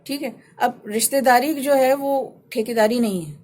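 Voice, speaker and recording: A woman hosts a radio advice show and speaks Urdu with a Pakistani accent. Her voice sits somewhat high. She talks casually, builds her points from everyday examples and keeps asking her listener "right?". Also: a little mellow, a little hiss or hum. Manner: explains with homely examples and asks "right?". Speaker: radio talk show host and life coach.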